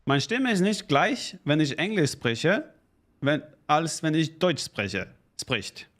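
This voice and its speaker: A man streaming a strategy game, chatting casually with viewers in halting, self-correcting speech and thanking subscribers. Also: on the high side, lively intonation, fairly bright tone. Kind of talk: casual live-stream gaming chat.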